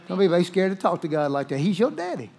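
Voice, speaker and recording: A male pastor delivering a sermon in a folksy, humorous and animated way. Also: high-pitched, quick pace, gravelly.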